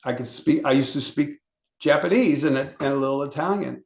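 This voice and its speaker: An older man chats casually as a guest and wanders from story to story, often restarting his sentences. His voice has a gravelly edge. The recording sounds echoey and a little muffled. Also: on the high side, fairly quick. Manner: rambling storyteller with restarts and stammers. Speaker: interview guest, solo performer. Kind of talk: casual interview chat.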